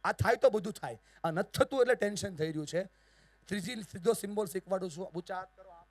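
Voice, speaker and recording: A man with a Gujarati accent from Surat, giving a motivational speech to a family gathering, theatrical, calling out to the audience for replies and swinging from hushed to loud. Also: high voice, quick pace. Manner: theatrical, call-and-response with the audience, big swings in loudness. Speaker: motivational speaker. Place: large hall with a live audience.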